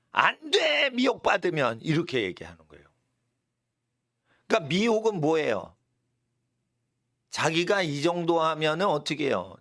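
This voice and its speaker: A male pastor preaching a sermon, hammering home points with sharp high shouts, then dropping low to explain. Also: dry recording, studio quality. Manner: drops to a low, quiet explaining tone between outbursts. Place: church.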